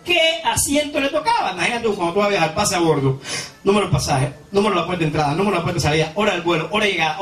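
A man with a Cuban accent telling a stand-up comedy routine in an animated way, often breaking into squealing character voices. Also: sits high. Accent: Cuban Spanish. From Cuba. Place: comedy stage before a live audience. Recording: roomy live stage sound from far off, loud crowd. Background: audience laughter.

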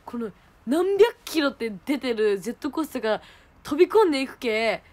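A young woman, hosting a livestream and telling a story in animated casual chat. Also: high voice, brisk. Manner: animated storytelling, laughing, exclaiming. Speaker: idol livestream host.

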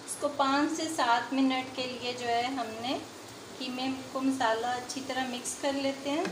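Cooking at the stove in an echoey kitchen full of loud sizzling, a home cooking channel host walks through every step in a chatty, casual demo. Her voice sits high and steady, and she talks unhurriedly over the background noise.

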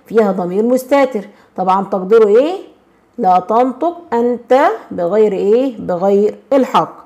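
A woman with an Egyptian accent teaching a grammar lesson, constantly checking in with questions and slowing down to stress example words. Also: medium pitch, warm tone. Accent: Egyptian Arabic. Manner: slows and stresses words when reading examples.

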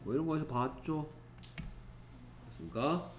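A man teaching a middle-school English class, reading English sentences slowly and often checking with the students whether they follow. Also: fairly high pitch, echoey room, slight background noise. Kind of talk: classroom lecture.

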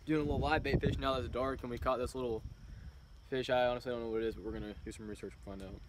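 A young man in his twenties, a fishing buddy on a small boat, chatting casually and excitedly. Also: mid-range voice, a little hiss or hum. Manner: fast, excitable, exclaiming. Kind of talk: casual outdoor chat. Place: small boat on a lake, outdoors.

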